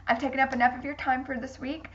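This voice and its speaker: A woman's voice: sits high, flat delivery, quick pace, fairly bright tone, a little hiss or hum. A woman teaching a public speaking class in an earnest, repetitive lecture style with frequent ums. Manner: earnest, repeats key points, frequent ums. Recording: dull lo-fi recording.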